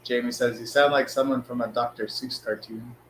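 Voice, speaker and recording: A man hosts a casual live stream in a hoarse, sick voice with a smoker's rasp. He chats informally at a middle pitch. The room is clearly echoey, with a faint hum behind him. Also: steady tone, fairly quick, fairly bright tone.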